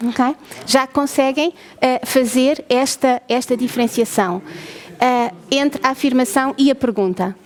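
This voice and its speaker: A woman's voice: sits high, measured pace. A woman with a European Portuguese accent, a researcher explaining her lab to visitors, often asking the audience questions and checking that they follow.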